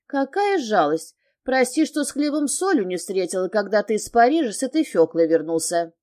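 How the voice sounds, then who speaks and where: A woman reading the part of a hurt young wife, speaking with indignant reproach and a slightly raised voice, in a mellow tone. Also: fairly high pitch, big pitch swings, normal speed.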